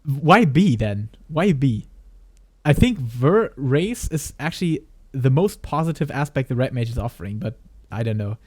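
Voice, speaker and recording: A man's voice: mid-range voice, animated, normal speed, slightly rough, dry recording, clean studio sound. A man streaming a reaction video, talking hesitantly with frequent restarts and laughs. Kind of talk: live stream reaction commentary.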